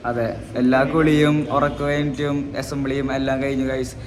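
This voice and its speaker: A man's voice: medium pitch, level tone, a little fast. Kerala guy vlogging camp on his phone, goofy jokey chatter, lots of people noise around. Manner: playful, jokey, keeps calling out to viewers. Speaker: student vlogger at a service camp. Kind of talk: casual vlog chatter to camera. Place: outdoors at a camp among a crowd of students. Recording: outdoor phone audio with crowd chatter.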